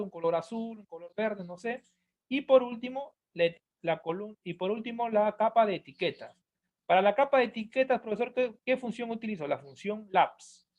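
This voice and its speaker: A man teaching programming in a recorded lesson, explaining patiently and repeating key points, answering his own questions. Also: sits high. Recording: dull lo-fi audio.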